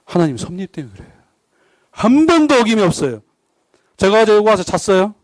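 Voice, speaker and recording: This is a high-pitched male voice, a little fast and recorded dry. He's a guest pastor giving a church sermon, joking lively and repeatedly quizzing the congregation to keep them involved.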